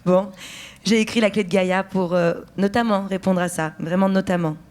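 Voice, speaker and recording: A woman's voice: medium pitch, fairly even intonation, normal speed, darkish tone. A woman from France, an actress and writer, answering festival interview questions in a thoughtful way, often searching for words.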